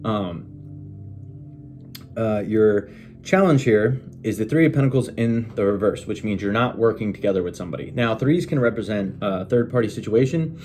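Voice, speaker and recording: A man's voice: fairly low pitch, moderate pace, a little mellow, a little hiss or hum. A man giving a casual tarot reading from a desk in his bedroom. He chats to viewers in a loose, rambling way, mutters to himself and swears when the cards won't cooperate. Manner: chatty, swears when frustrated, muttering asides. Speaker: tarot reader. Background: music playing on a TV.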